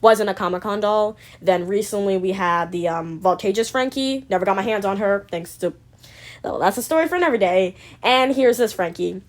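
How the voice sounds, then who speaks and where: A woman's voice: medium pitch, normal speed. Rambling young woman reviewing dolls. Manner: rambling, hesitant, many fillers and restarts; candid, opinionated. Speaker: doll collector vlogger. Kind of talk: casual review chat.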